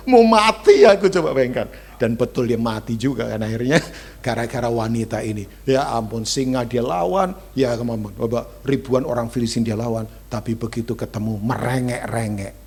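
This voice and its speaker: A man preaching a sermon as a pastor, animated and acting out quoted voices as he tells a story. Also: mid-range voice, creaky, husky. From Indonesia.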